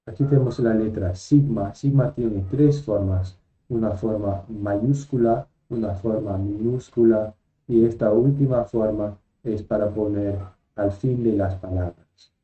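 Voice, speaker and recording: A man's voice: on the low side, measured pace, phone-quality sound. A man teaching a lesson, patiently naming each letter and repeating every example word. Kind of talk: slow lesson, spelling out letters and sounds.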